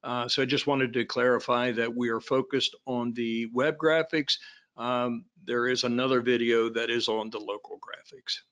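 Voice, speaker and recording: A man's voice: mid-range voice, fairly even intonation, moderate pace, a bit bright. A man giving a technical training walkthrough over slides, in a plain explanatory way with frequent fillers and restarts. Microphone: voice-over on screen recording.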